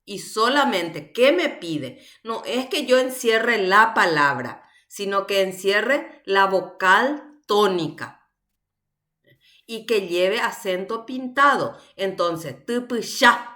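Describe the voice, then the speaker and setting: A woman's voice: mid-range voice, lively intonation, takes it slowly, pushed and bright. A woman teaching a university language class online, explaining patiently and checking in with her students.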